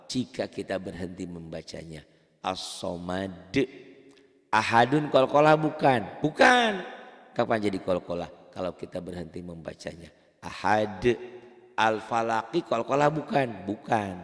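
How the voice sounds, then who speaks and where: A male Quran teacher gives a lesson in an animated way, firing off questions and answering them himself. His low voice carries a gravelly edge and swings widely in pitch. A long reverb trails behind his voice. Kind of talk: tajwid lesson.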